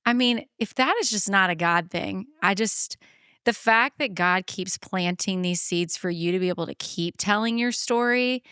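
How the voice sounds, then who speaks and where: Speaking at a moderate pace with a sharp, clean, mid-range voice, this podcast host swaps chatty stories and casual talk, frequently quoting other people. She was born in Beaumont, Texas, now lives in Charleston, and the studio sound is clean with no echo.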